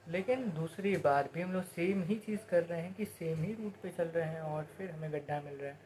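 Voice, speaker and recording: A man giving a casual motivational talk. He explains with everyday examples and rhetorical questions, and switches into slower, deliberate English phrases. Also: on the high side, a little mellow, slight background noise. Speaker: motivational speaker.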